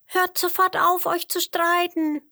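A woman voicing a tiny, brave forest mouse who squeaks loudly in a children's storybook. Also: level tone, unhurried, dry recording, clean studio sound, heavily acted. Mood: commanding. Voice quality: squeaky, shrill.

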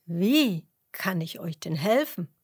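A woman voicing a calm, wise old male owl in a children's story. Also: lowish voice, breathy edge, full character voice. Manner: calm, measured.

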